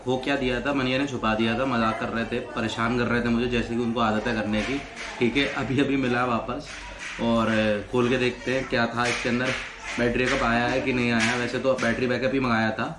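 A man's voice: medium pitch, level tone, fairly quick. A young man chatting casually as a vlogger at home, teasing and easygoing. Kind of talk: casual vlog chat. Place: home living room at night. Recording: echoey room with background noise.

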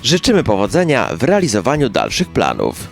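A man's voice: medium pitch, wildly swooping pitch, brisk, gravelly. A man reading a scripted local news narration in speech, as a chronicle announcer. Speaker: newsreel narrator. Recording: music bed behind the voice.

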